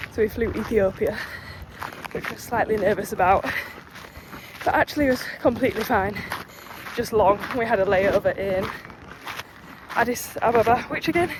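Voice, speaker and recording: A fairly high-voiced woman talks casually to her camera outdoors in an upbeat, chatty way, laughing often. Clear outdoor noise sits behind her voice as she walks. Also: moderate pace, pauses often. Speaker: travel vlogger. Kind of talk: casual vlog chat to camera. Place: outdoors on a mountain hike. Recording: noisy outdoor ambience.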